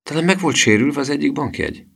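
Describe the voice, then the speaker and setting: A man's voice: a little high, big pitch swings, vocal fry, breathy edge, voice pushed up, full character voice. A man voicing a stern male bank cashier in an audiobook reading, strict and questioning.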